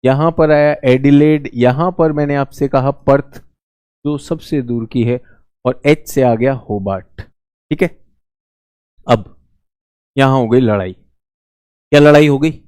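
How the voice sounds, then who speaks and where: A man teaching a lively, joking exam-prep lesson, now and then slipping into brief mock voices. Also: medium pitch, takes it slowly, pauses often, smooth, no echo, clean studio sound.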